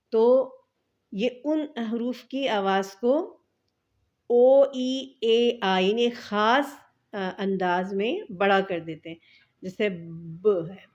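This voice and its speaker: A woman's voice: mid-range voice, a little mellow, dull audio. Patient woman teaching vowel sounds. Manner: patient, slow, demonstrates each vowel sound aloud. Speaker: Urdu teacher. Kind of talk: recorded teaching lecture.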